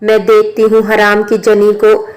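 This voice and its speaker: Harsh brothel madam, read by a woman narrator, scolding, flat even delivery, storybook reading. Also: medium pitch, measured pace, faint music behind, lightly acted. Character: rough, hard-nosed middle-aged brothel madam.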